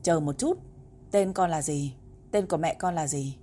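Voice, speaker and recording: A woman voicing a reserved, taciturn man who speaks in a measured way on a phone call in a storybook reading. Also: low-pitched, dark tone, a little hiss or hum, lightly acted. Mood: puzzled. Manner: measured, terse.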